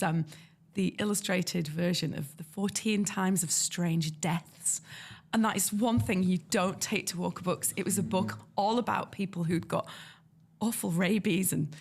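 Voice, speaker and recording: Her voice is lowish and husky with vocal fry: a North East English woman, an illustrator appearing as a guest in a casual interview. She tells her stories with liveliness, acting out each quoted person's voice.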